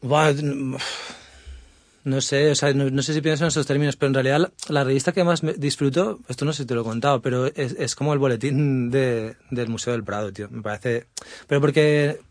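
A man's voice: medium pitch, steady tone, brisk, no echo. A middle-aged man with a Spanish accent from Spain, a guest telling a story casually and laughing through it.

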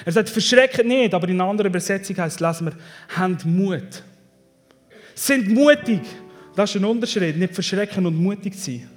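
A man with a Swiss German accent preaches in a high voice, swinging between loud declarations and hushed asides. His voice rings with long reverb through a large church hall, and soft music plays faintly behind him. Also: steady tone, fast talker. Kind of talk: sermon.

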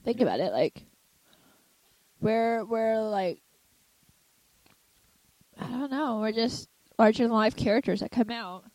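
A woman's voice: fairly high pitch, lively intonation, a little mellow, no room sound, poor audio. A woman wrestler being interviewed, chatting casually, giggly and saying like a lot. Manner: giggly, quick, says like a lot. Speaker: wrestler guest.

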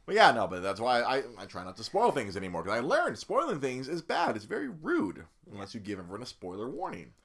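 A man's voice: medium pitch, quick pace, vocal fry, few pauses, slightly rough. A man in his forties co-hosting a casual podcast, rambling through stories with lots of fillers and restarts. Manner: rambling, animated storytelling with frequent fillers and restarts. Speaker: podcast co-host. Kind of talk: casual chat.

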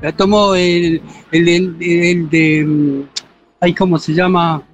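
A man stopped on the street answers questions in a friendly way, often hesitating. His voice is high, with faint music behind it. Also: little pitch movement, slow. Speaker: passer-by interviewee.

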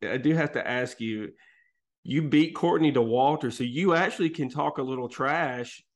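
A man's voice: medium pitch, moderate pace, a crowd in the background. A man hosting a casual interview, chatty and self-deprecating, often stumbling as he starts a question. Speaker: podcast host interviewer.

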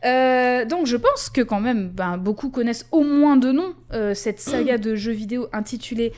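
A woman's voice: on the high side, expressive, moderate pace, darkish tone. A woman hosting a podcast in casual chat, explaining at length with many fillers and asides. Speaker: podcast host.

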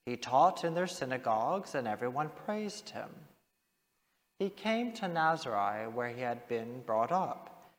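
Man, priest, medium pitch, formal liturgical reading, measured delivery, long echoing church reverberation. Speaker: priest reading the Gospel and preaching. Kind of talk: liturgical reading and parish address. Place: large reverberant church interior. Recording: long cathedral-like echo, large reverberant church.

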